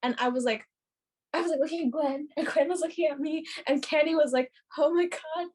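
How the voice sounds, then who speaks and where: A young woman, a makeup artist, telling an excited story in a casual, gushing way, full of "like" and swearing. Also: sits high, fast. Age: young adult. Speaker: podcast guest, pageant makeup artist.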